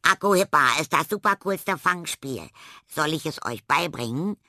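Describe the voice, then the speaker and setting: A man voicing a cheeky, wild little schoolgirl in a children's storybook reading, high and brash. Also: animated, a little slow, pushed and bright, dry recording, clean studio sound, full character voice. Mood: eager.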